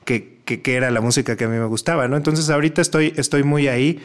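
A man, a musician guest speaking in a thoughtful, measured way in a casual interview. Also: medium pitch, fairly even intonation. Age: 40s. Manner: reflective, measured, with some restarts.

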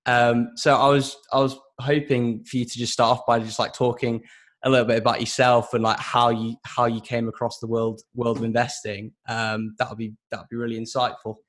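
A man in his twenties hosting a finance podcast, with a faded Yorkshire accent, speaking hesitantly with many pauses. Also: mid-range voice, little pitch movement. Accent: faded Yorkshire, mostly southern English. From Yorkshire, England. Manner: hesitant, many ums and restarts. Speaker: podcast host. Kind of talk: casual interview chat.

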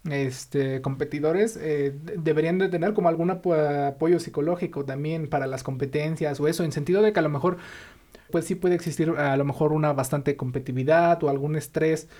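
Woman host, deep for a woman, chatty rambling questions. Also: brisk, warm tone. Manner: chatty, with frequent backchannel agreement. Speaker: interviewer. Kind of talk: casual interview.

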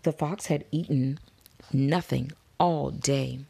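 A storybook reader reads a children's fable aloud, slow and expressive, in a low, gravelly, very husky voice. She often sinks into soft whispers to build suspense.

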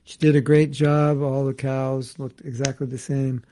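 A man's voice: mid-range voice, little pitch movement, normal speed, dark tone. A man teaching a scripture class, reading passages aloud and explaining them in casual asides. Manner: reads a passage then comments in casual asides.

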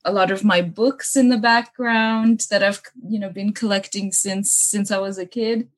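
A young woman from Kuwait talks at normal speed in a steady, medium-pitched voice, her accent mixed and hard to pin down. She chats casually as an interview guest, often laughing and filling gaps with fillers, from a bungalow room with books in her parents' home.

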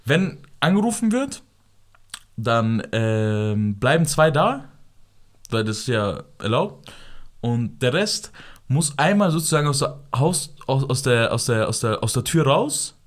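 A man's voice: mid-range voice, measured pace. A young man telling a story on a studio podcast, in casual slangy talk, laughing and restarting often. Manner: animated, laughing, slangy, many fillers and restarts.

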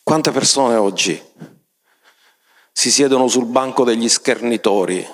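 A man preaching a sermon, retelling scripture and stressing points by raising his voice. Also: a little slow. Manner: emphatic, often rising in pitch for stress; storytelling, retells scripture with commentary.

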